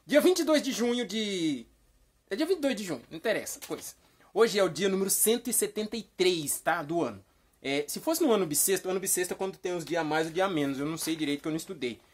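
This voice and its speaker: A fast-talking woman hosting a silly vlog, rambling along and teasing her sidekick. Her voice sits a little low but swings widely, jumping into mock shouts and excited catchphrases. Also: slightly rough. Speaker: vlog host. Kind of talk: playful comedic vlog chat.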